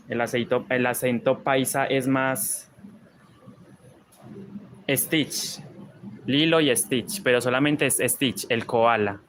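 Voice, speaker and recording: A man's voice: mid-range voice, a bit bright, slight background noise. A man with a Colombian paisa accent teaching crochet on a live stream, chatting and reading viewer comments as he works.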